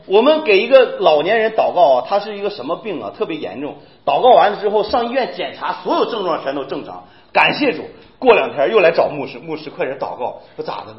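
High-voiced, animated preaching man. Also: a little fast. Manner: animated, keeps asking listeners "you know?". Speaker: pastor. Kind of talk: lively sermon. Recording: echoey, dull lo-fi room recording.

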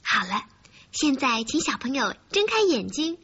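Bright, high-voiced woman telling children's stories. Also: moderate pace, breathy edge. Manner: addresses children directly, expressive, coaxing. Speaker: host of a children's story programme. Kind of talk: storytelling narration for young children. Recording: muffled recording with faint music.

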